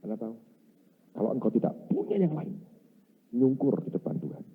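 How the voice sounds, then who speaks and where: A man preaching a sermon, telling a story and acting out its voices, swinging from loud to hushed. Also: medium pitch, big pitch swings, fairly quick, husky. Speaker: pastor. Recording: tinny phone-like sound.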